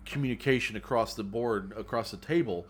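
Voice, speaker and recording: Man, low pitch, halting, repeats words, casual chat, faint ambience. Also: slight background noise. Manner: halting, repeats words while finding his point. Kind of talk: casual board game chat.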